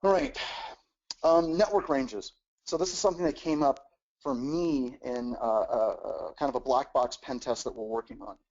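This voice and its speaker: A man's voice: mid-range voice, normal speed, a little mellow, muffled recording. A man teaching in a technical webcast, explaining step by step with frequent "uh"s and repeated words. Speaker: webcast instructor.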